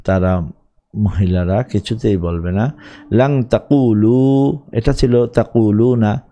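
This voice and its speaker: A man with a Bangladeshi Bengali accent teaching an Arabic grammar lesson, reciting verb forms slowly, then explaining them briskly. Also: lowish voice, mellow.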